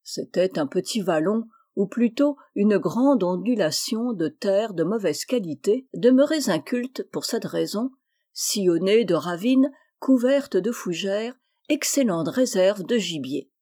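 A woman's voice: mid-range voice, lively intonation, a little slow, warm tone. Woman reading a classic story aloud. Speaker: narrator. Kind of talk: literary audiobook reading.

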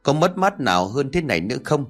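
A man's voice: mid-range voice, big pitch swings, fast talker, soft background music, pitched above the performer's own voice. A man narrating a story who voices a scheming younger daughter-in-law in an indignant, argumentative manner. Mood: theatrical wailing.

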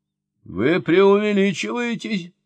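A man's voice: fairly high pitch, sing-song, moderate pace, a bit bright, husky, dry recording, pitched above the performer's own voice, exaggerated voice. An indignant old professor who speaks with emphatic, fussy energy, as a male narrator reads his lines. The audiobook voice sounds close and dry, with no room around it. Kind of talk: audiobook character voice.

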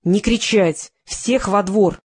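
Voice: medium pitch, takes it slowly, husky. An audiobook reader voicing a bossy male police detective who hisses urgent orders.

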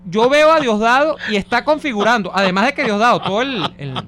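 A man's voice: very high voice, expressive, fairly quick, fairly bright tone. A man with a Venezuelan accent co-hosting a radio show, reading listener messages and musing on politics. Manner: musing, discursive political commentary. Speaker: radio co-host.

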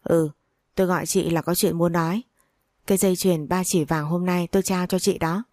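A woman's voice: lowish voice, steady tone, a little fast, darkish tone, no room sound, studio quality, close to an everyday voice. A woman reading the lines of a greedy, spiteful older mother-in-law who scolds and curses. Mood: cold. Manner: scolding, cursing, sneering.

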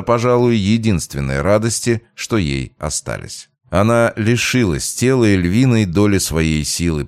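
Male narrator, low voice, animated delivery, first-person audiobook reading. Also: no echo, clean studio sound.

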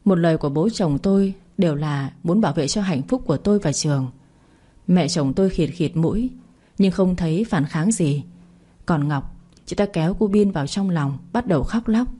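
Woman storyteller, calm bedtime narration, low mellow husky voice. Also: moderate pace. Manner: calm, even first-person reading.

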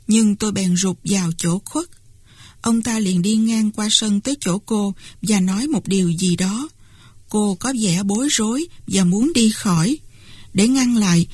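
A woman reads a classic novel aloud in a steady first-person telling, her voice of middling pitch with a husky grain. The recording is close and dry, with no room sound. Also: dry recording. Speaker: audiobook narrator. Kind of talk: scripted narration.

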